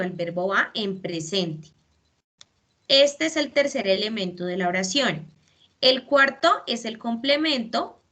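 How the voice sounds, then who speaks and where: A woman's voice: fairly high pitch, bright, forceful tone. A woman English teacher explaining grammar step by step in a patient class.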